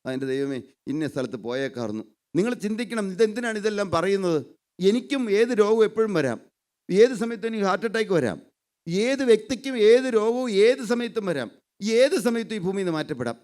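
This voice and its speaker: A man's voice: high-pitched, expressive, fast talker, a little mellow. A man preaching a sermon, fervent and pleading, repeating his points.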